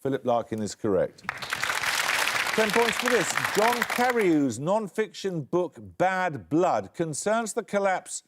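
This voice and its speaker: A man hosting a quiz show, reading questions crisply and giving dry, wry introductions. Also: sits high, very animated, measured pace, over a noisy crowd, very noisy. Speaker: quizmaster.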